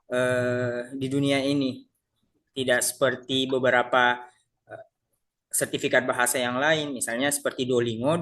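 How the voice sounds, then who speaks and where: An IELTS teacher gives a casual online class lecture, speaking to his listeners like friends and frequently breaking off to restart sentences. His voice is medium in pitch with a fairly bright tone.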